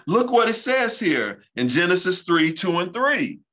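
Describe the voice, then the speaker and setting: A male pastor, teaching the Bible emphatically and reading scripture aloud slowly. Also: high voice, sing-song, sharp tone.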